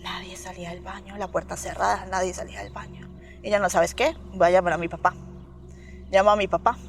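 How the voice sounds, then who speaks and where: A woman with a Colombian Spanish accent and a fairly low voice talks a little fast, faint music behind her. As an interview guest, she recounts a personal experience with animated storytelling, acting out the voices of people in it and often asking "¿me entiendes?" to check the listener follows.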